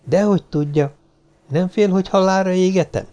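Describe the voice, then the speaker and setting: A man's voice: high voice, mellow, voice pushed up, close to an everyday voice. A man voicing a seductive middle-aged woman who whispers and teases. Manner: whispering, teasing.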